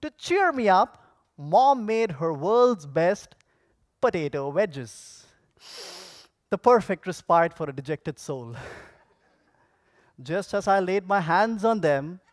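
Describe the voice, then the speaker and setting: A man delivering a rehearsed motivational speech, telling stories theatrically with dramatic pauses and projecting to an audience. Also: sits high, no room sound, studio quality. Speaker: contest public speaker. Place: on stage at a speech contest convention.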